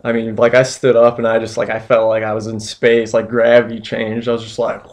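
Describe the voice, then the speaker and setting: A young man with a medium-pitched voice tells a story in a loose, rambling way. He fills his sentences with "you know" and "like" as he goes. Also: completely flat delivery, fairly quick. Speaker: vlogger. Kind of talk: casual storytelling.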